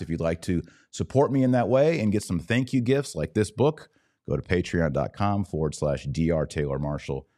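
In a low-pitched, darkish voice, a man on his own podcast talks through religious and political topics. He speaks emphatically and with strong opinions, using brief declarative sentences.

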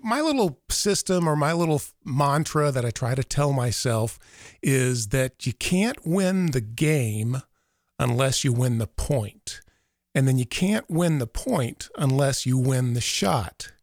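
A man's voice: medium pitch, expressive, measured pace, dry recording, studio quality. A man with an American accent hosting a podcast and interviewing guests. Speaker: podcast host.

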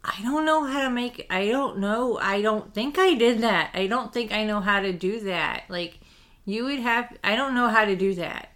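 A woman voicing a frightened young girl with lost memory, speaking in a halting, hushed, apologetic way in a tabletop game. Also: fairly high pitch, close to an everyday voice. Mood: scared.

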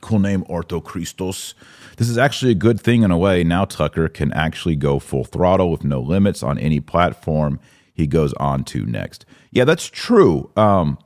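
Deep-voiced and animated, with a darkish tone, he hosts a live-stream podcast and gives conversational commentary that's halting, repetitive and peppered with rhetorical questions.

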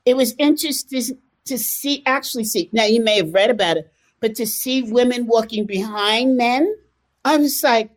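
A woman's voice: fairly high pitch, moderate pace. A woman from the United States speaking in an earnest, emphatic conversational way. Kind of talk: conversational discussion.

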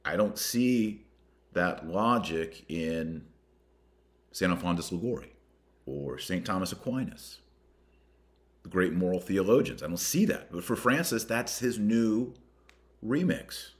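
With a low-pitched voice and lively intonation, this American podcast host reads and comments, deliberately punching key words and names.

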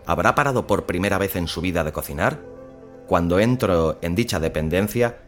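A man reading a first-person suspense story in a measured, tense storytelling manner. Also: deep voice. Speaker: narrator.

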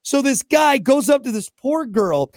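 High-voiced man ranting on a podcast. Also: unhurried, no echo. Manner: ranting, animated storyteller. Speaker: podcast co-host. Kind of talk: casual podcast banter. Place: podcast studio.

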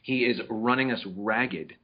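A man's voice: fairly low pitch, measured pace, husky. A middle-aged man chats casually on a podcast, playful and talkative. He slips into little voices to act out his pets. The sound is slightly dull and lo-fi. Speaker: podcast co-host. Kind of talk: casual chat.

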